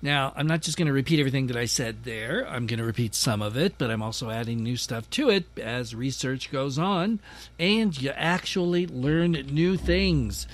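A man hosts his podcast in a relaxed, chatty monologue, middle in pitch. He jokes at his own expense with a dry, sarcastic edge. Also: a little fast, few pauses. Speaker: podcast host.

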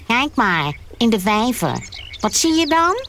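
A woman's voice: a little high, sing-song, slow pace, fairly bright tone, a little hiss or hum, pitched above the performer's own voice, exaggerated voice. A woman voicing a sly, scheming male fox in a children's storybook, sneering and bossy. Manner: sneering, commanding.

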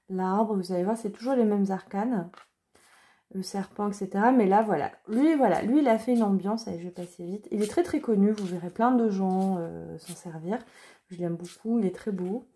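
Woman, casual deck reviewer, hesitant with fillers, mellow tone. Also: mid-range voice, moderate pace. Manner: hesitant, many fillers and restarts. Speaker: card reader and deck reviewer. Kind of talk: casual chat.

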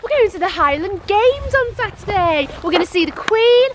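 A young woman vlogging her family trip in easy, playful chat, laughing at herself. Her voice sits high and jumps around a lot. She is recorded on a handheld camera outdoors, with noise clearly heard behind her. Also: expressive, moderate pace. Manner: chatty and playful, self-teasing. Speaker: vlogger, mother. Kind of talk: casual family vlog chat. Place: outdoors on a walk.

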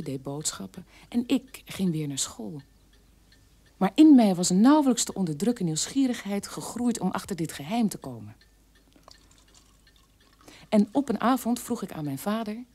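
In a radio play monologue, an actress plays the bitter adult daughter of a war criminal, recounting her childhood in an emphatic, halting way. Her voice is medium-pitched and warm.

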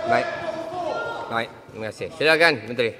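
A man's voice: mid-range voice, brisk, a crowd in the background. A man with a Malaysian accent chairing a parliamentary debate, firm and giving brief orders to members. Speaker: committee chairman presiding. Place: large parliament chamber. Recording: long chamber reverb.

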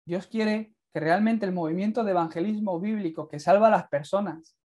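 Indoors before a plain light wall, a young preacher speaks to a camera, delivering a sermon and final prayer in Castilian-accented Spanish. His voice sits high with a darkish tone and a moderate pace, earnest and fervent as it rises to emphatic peaks.

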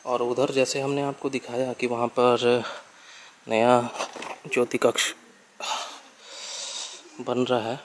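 A young man narrates a travel vlog while walking through a forest temple site. His delivery stays level and even. He calls the viewers friends and drops in English words. Faint outdoor ambience sits behind him, caught on a handheld camera mic. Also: mid-range voice, slow, pauses often, a little hiss or hum. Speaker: travel vlogger.

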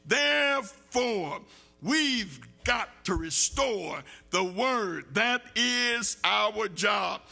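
A man's voice: high voice, vocal fry. An older man preaching a sermon from a church pulpit, building force through repeated calls and questions. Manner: forceful, emphatic repetition with rising calls. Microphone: pulpit mic.

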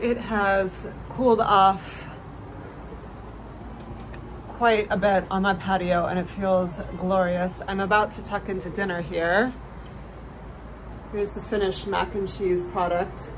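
A woman's voice: mid-range voice, level tone, slow pace, pauses often, a little hiss or hum, low-quality recording. A woman chatting casually and upbeat to camera in a lifestyle vlog, with frequent "like" fillers, filmed at home and out on her porch. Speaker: lifestyle vlogger. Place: home kitchen and outdoor porch.

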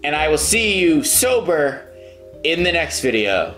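A man's voice: on the high side, sing-song, measured pace, fairly bright tone. Chatty man in an echoey room. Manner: chatty, explaining, laughs often. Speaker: host. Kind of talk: casual chat. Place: indoors in New York. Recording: echoey room with faint music.

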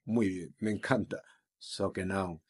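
A man's voice: low voice, steady tone, slow, slightly rough. A man teaching Spanish in an online video lesson, explaining patiently and often checking in with "ok?".

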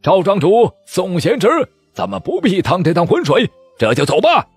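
A shrill, taunting rogue in a martial-arts audiobook, as a male narrator puts him on. He jeers and cackles in a husky voice pushed far above his normal register. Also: big pitch swings, normal speed, faint music behind, exaggerated voice. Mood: smug.

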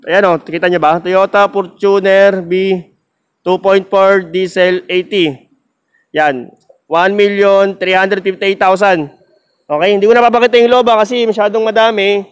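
A man's voice: sits high, clear, resonant tone. A man with a Filipino accent vlogging a casual walk-through of a used car lot, joking and chatty, with a sore throat. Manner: joking, chatty, laughs often.

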